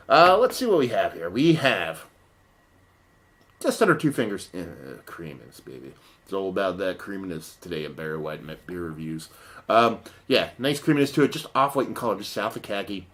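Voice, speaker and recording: In a loose, swearing-laced way, a man reviews a beer; his fairly bright voice sits lower than normal and is partly gone.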